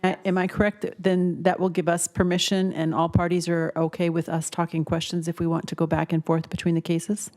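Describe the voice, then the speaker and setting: A woman judge opens the court session in a flat, fairly low voice. She handles procedure briskly, with a light informal touch. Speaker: presiding judge.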